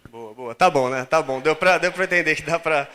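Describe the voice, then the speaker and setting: A man's voice: a little high, brisk, sharp tone. A man with a Brazilian Portuguese accent giving a casual, joking live conference talk on stage and using lots of slang. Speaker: lecturer. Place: lecture stage with audience.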